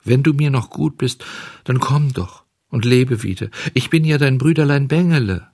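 A man's voice: animated, gravelly, no room sound, clean studio sound. A man voicing a desperate, weeping wooden puppet boy who pleads and sobs. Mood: despairing. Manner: sobbing, pleading, high and fast.

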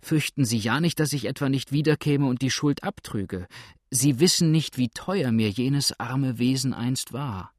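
A man's voice: medium pitch, measured pace, no echo, studio quality, natural voice. A man voicing a desperate young boatman. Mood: pleading. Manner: pleading, urgent.

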